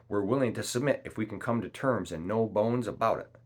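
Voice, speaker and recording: A wily old one-legged pirate cook, voiced by a man, talking in a high, loud, hearty wheedle. He bargains with sly mock respect, every word pushed up well above a deep reading voice. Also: a little fast, close to an everyday voice. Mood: smooth bargaining.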